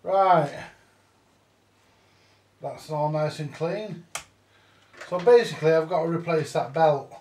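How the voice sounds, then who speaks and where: A British vintage audio repairer gives casual, hands-on commentary while he works, muttering to himself and swearing now and then. His voice is on the high side and a little mellow, slow with frequent pauses, captured on a distant mic with roomy echo.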